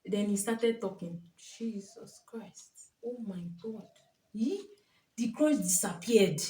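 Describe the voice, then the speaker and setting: A mellow, mid-range voice with lively intonation and a slow pace belongs to a young Nigerian vlogger and coach who speaks Yoruba and has a Nigerian accent. She chats to camera, telling stories, offering casual relationship advice and laughing often, in a roomy recording made from a distance.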